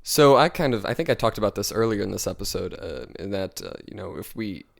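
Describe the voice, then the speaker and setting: Low gravelly-voiced man. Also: lively intonation, a little fast. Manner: explains at length, hedging with "kind of". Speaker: podcast co-host, student. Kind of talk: casual philosophy discussion.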